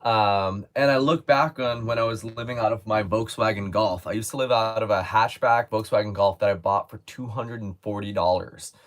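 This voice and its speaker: A man's voice: lowish voice, fairly even intonation, moderate pace, hardly any pauses. A man hosting a casual live Q&A, talking in an easygoing, reflective way. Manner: easygoing, reflective, restarts phrases. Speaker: host.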